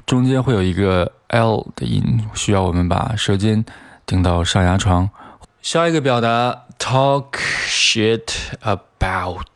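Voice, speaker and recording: A man hosting a vocabulary lesson as a teacher. He explains each phrase patiently with soft fillers and slowly repeats example phrases to model the pronunciation. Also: fairly low pitch, creaky. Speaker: English teacher and podcast host.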